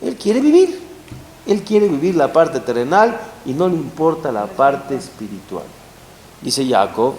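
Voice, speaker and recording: A man's voice: medium pitch, a little mellow. A man giving a sermon as a rabbi to a live audience, telling stories with rising emphasis and rhetorical questions. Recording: roomy hall with faint hiss.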